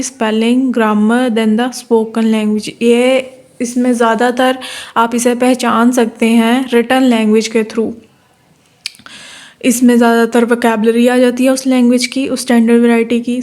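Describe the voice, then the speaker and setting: A woman from Pakistan giving a university lecture, reading definitions out slowly, then explaining them while repeating herself and checking in with the class. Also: on the high side, darkish tone. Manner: repeats phrases and checks in with listeners ("theek hai").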